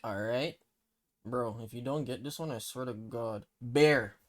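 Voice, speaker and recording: A man's voice: medium pitch, measured pace. Young Toronto man, teasing and slangy. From Toronto, Canada. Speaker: host quizzing his cousin on slang. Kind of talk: casual, bantering chat.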